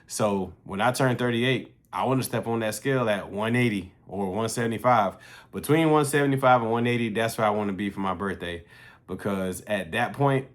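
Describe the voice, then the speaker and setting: A man in his late thirties with a fairly low voice talks straight to camera about his fitness journey. His delivery is loose, slangy and profane, like chatting with friends. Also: fairly quick. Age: 30s. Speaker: fitness vlogger. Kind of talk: casual talking-to-camera vlog.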